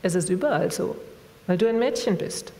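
A woman's voice: fairly low pitch, expressive, a little fast, mellow. Smug mocking teenage boy, read by a woman, dismissive, long hall reverb. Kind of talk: literary reading.

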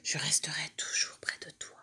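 A faithful, protective big dog speaks in a low, husky, calm voice, as a woman reading a storybook gives it words. It sounds gentle and reassuring toward the child it guards. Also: normal speed. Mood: tender.

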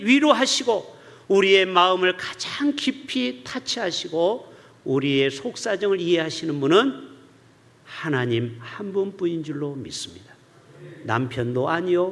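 A male pastor preaching a sermon to his congregation. He swings between loud, emphatic bursts and hushed, low asides. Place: church sanctuary. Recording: long church hall reverb.

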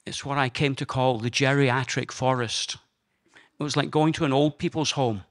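Older man, Scottish accent, earnest measured storytelling, conference room, handheld mic. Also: mid-range voice, fairly even intonation. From Scotland. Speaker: conference speaker. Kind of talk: personal talk at a conference. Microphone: handheld microphone.

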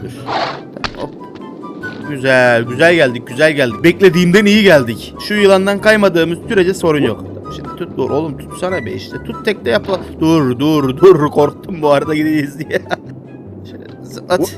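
A young man playing a hard climbing game and commenting in Turkish, swinging between quiet muttering and frantic pleading and cursing at the screen. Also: on the high side, lively intonation, normal speed. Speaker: gaming YouTuber. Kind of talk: let's play commentary. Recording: game music playing under the voice.

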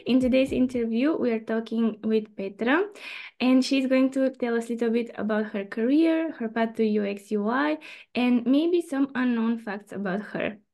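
A woman's voice: a little high, moderate pace, lo-fi sound. A young woman hosting a casual interview podcast over a video call, friendly and chatty, with some fillers. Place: room at home with plants and shelves, indoors. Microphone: webcam on a video call.

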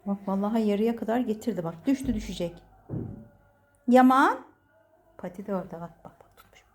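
A woman's voice: mid-range voice, brisk. A woman at home filming her cats on a phone, giving casual running commentary, laughing often and playfully cooing at and scolding them.

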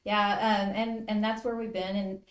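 A woman in her thirties, a farm lending manager, giving steady, informative answers with frequent fillers in an interview. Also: mid-range voice, normal speed, a crowd in the background. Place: indoor studio with virtual backdrop. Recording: roomy room sound.

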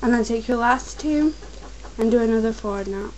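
Sitting at her home desk, a crafts tutorial maker who is getting a cold walks viewers through each step patiently and repetitively, sometimes slowing down carefully. Her voice is fairly high with a darkish tone, and the poor audio carries a little hiss or hum.

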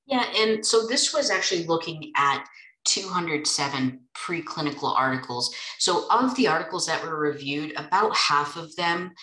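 A woman's voice: deep voice, animated, moderate pace, pushed and bright, reverberant, poor audio. A woman co-hosting a webinar as a nurse, explaining medical points in an upbeat way with some fillers. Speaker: nurse co-host.

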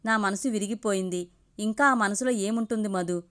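A woman's voice: mid-range voice, normal speed, lightly acted. A woman voicing a defiant young wife who argues bitterly about love, in a read-aloud story. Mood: broken.

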